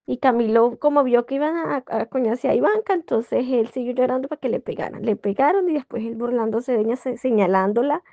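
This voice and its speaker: Gravelly woman, rambling. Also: on the high side, brisk, hardly any pauses, no echo. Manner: rambling, with many restarts. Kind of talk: casual anecdote telling. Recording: dull lo-fi dry recording.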